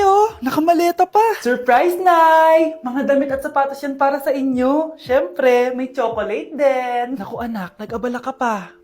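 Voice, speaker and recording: A woman acting out comic family skits, voicing every character herself, with shouting and laughter between the roles. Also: sits high. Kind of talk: comedy skits playing every role.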